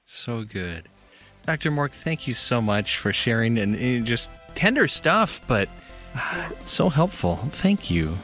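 A man co-hosting a podcast interview, thanking his guest gently. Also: mid-range voice, sing-song, takes it slowly, faint music behind. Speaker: podcast co-host.

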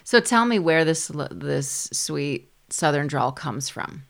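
A woman's voice: low voice, expressive, slow pace, creaky. A woman hosting a conversational interview, reflecting back what her guest says. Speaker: interviewer, show host.

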